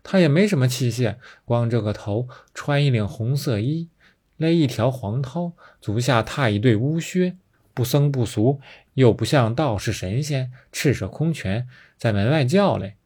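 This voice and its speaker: A man voicing a small, frightened male demon minion who reports in a hurried, anxious way. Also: medium pitch, expressive, a little mellow, breathy edge.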